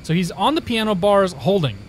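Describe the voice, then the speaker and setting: A young live streamer from Indiana chats casually with viewers in a high, very animated, brisk voice, telling a rambling story with many restarts. A little hiss or hum sits under the audio.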